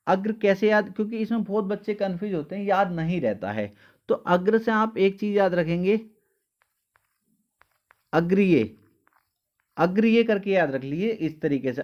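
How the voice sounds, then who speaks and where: A man's voice: sits high, muffled recording. A male teacher giving an exam-prep lesson, asking questions and answering them himself, calling the students dear children. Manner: addresses listeners as dear children.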